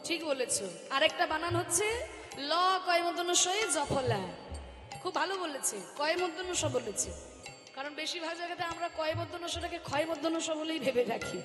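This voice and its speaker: Woman, kirtan preacher, very high voice, echoey hall, music behind. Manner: fast, pleading storytelling, sung lines. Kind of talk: devotional kirtan sermon with singing. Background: accompanying music.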